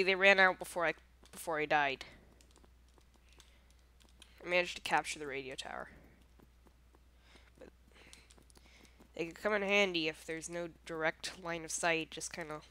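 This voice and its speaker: A woman's voice: on the low side, fairly even intonation, measured pace, pauses often, sharp tone, clear, resonant tone. A woman with a congested, nasal voice chatting casually through her gameplay, easily surprised and self-deprecating. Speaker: gameplay commentator.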